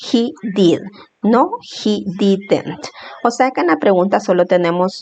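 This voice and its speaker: A woman's voice: medium pitch, creaky, darkish tone. A woman teacher who explains a lesson patiently and step by step, repeating examples as she goes. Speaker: English teacher.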